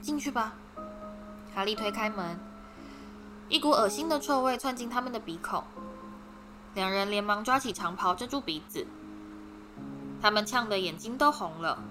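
Female audiobook reader, steady dramatic delivery, mid pitch, music bed. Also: normal speed, pauses often. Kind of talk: storybook narration. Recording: background music.

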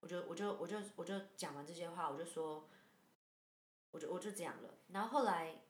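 Fast-talking woman telling a story in a roomy echo. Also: on the low side. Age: 30s. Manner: animated storytelling, acts out quoted lines. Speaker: podcast co-host. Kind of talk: casual chat. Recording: roomy echo with faint background hum.

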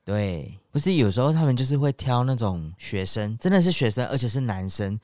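A man's voice: mid-range voice, sing-song, a little fast, darkish tone, no echo, studio quality. A young man co-hosting a casual chat, mostly adding short agreements and playful quoted lines. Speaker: podcast co-host.

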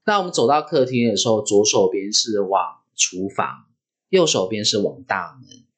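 Husky man telling a story. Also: on the low side, normal speed. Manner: animated, vivid storytelling. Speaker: podcast host. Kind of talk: casual podcast storytelling.

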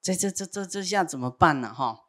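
A woman's voice: on the low side, lively intonation, brisk, natural voice. A woman voicing a worried male elephant trainer who frets over what to do. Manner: anxious, fretting questions.

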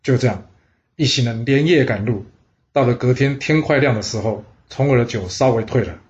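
A male storyteller recounting a historical tale in a lively, chatty manner, breaking in with rhetorical asides. His pitch sits in the middle range. The recording has a slightly dull, lo-fi sound. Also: brisk.

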